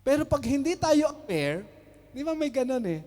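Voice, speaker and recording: A man's voice: very high-pitched, sing-song, moderate pace, warm tone, long reverb tail. A man preaching a sermon as pastor, switching between Tagalog and English with chuckling asides.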